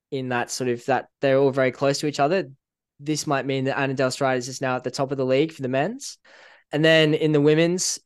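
Smooth-voiced Northern Irish man chatting. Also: mid-range voice, dry recording, clean studio sound. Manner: relaxed, chatty, with frequent fillers and small laughs. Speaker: podcast co-host. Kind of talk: casual podcast chat.

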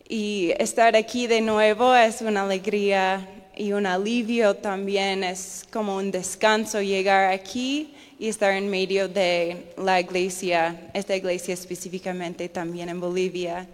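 Slow-speaking woman. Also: medium pitch. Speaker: church member giving testimony. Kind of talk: informal thanks to congregation. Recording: echoey hall with long reverb.

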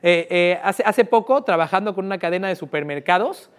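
This Mexican-accented sales trainer speaks in a clean, high-pitched voice at a fairly quick clip. Running a live sales workshop, he stays lively and repeatedly quizzes his audience.

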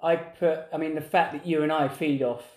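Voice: medium pitch, steady tone, a little fast, darkish tone, roomy sound. An English speaker co-hosting a casual chat, thinking aloud and often restarting sentences. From England. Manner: reflective, restarts sentences, exclaims in surprise. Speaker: podcast co-host.

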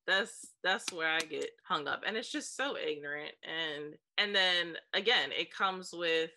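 A woman's voice: on the low side, sharp tone. A woman in her thirties chatting casually as a podcast co-host, reacting and agreeing often. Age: 30s. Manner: reactive, quick to chime in with agreement. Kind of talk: casual chat.

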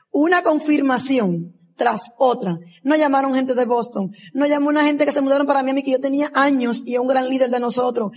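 A woman's voice: sits high, darkish tone. A woman, giving a motivational testimonial as a convention speaker and acting out the dialogue of her story.

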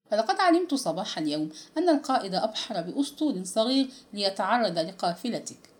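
A proud young princess gives cool, imperious orders in a storybook reading, as a woman narrator puts her on. Her pitch rises and falls in a lively way. She sounds crisp and sure of her rank.

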